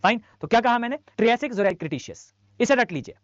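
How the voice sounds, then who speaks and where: A male teacher with a very high, fairly bright voice lectures in an online class, talking fast with lively intonation. He drills lists by rote, repeating them for students, and mixes English phrases into his Hindi. The mic sounds dull, dry and lo-fi.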